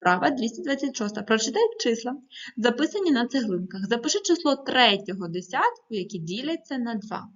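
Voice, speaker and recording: A woman teaching primary school children in a recorded video lesson, speaking clearly and patiently and giving careful stress to each number as she reads aloud. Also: fairly high pitch, big pitch swings, fairly quick, a bit bright, muffled recording.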